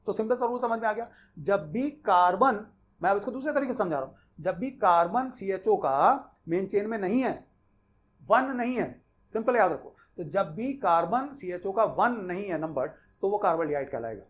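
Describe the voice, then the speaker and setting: A man's voice: high voice, lively intonation, moderate pace. Man explaining chemistry naming rules. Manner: conversational, explanatory, repeats key rules to students. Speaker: chemistry teacher. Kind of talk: explaining IUPAC naming in a Hindi-English mix.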